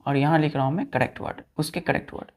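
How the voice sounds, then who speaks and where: A man's voice: a little high, fairly even intonation, fast. A man teaching an online grammar lesson as a patient teacher who repeats key points and keeps checking that students follow. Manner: mixes English words into Hindi explanation; patient and repetitive.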